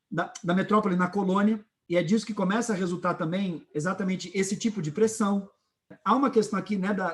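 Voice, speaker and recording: Lively high-voiced Brazilian teacher. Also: male voice. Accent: Brazilian Portuguese. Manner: lively, checks in often with the class. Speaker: literature teacher. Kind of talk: classroom lecture.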